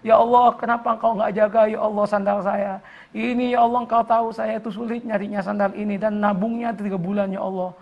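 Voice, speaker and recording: A man's voice: sits high, level tone, fast, vocal fry, highs cut off. A man preaching a sermon, voicing a poor man who pleads in prayer over his lost sandals. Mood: pleading.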